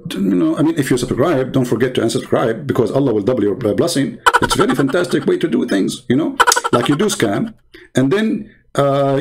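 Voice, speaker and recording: A man's voice: fairly high pitch, a little mellow, slight background noise. A man hosting a channel and giving polemical commentary in non-native English, mocking and sarcastic, trading insults. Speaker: channel host and religious debater.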